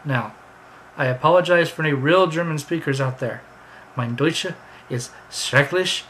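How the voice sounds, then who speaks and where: A man's voice: fairly high pitch, moderate pace, a bit bright, slight background noise, rough recording. Chatty American man reminiscing. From United States. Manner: rambling, chatty, drifting between anecdotes. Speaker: vlogger. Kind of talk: casual storytelling monologue.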